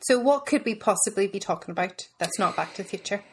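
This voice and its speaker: A woman's voice: medium pitch, expressive, fast talker, a little hiss or hum. Chatty Northern Irish woman. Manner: chatty, hesitant fillers, giggly. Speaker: podcast co-host. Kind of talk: casual chat.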